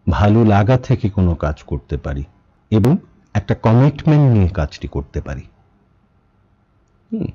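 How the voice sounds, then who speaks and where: Measured Bangladeshi man teaching, dark voice. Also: lowish voice, lo-fi sound. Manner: measured, with frequent pauses and rhetorical questions. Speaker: speaking teacher. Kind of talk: spoken lesson on standard pronunciation.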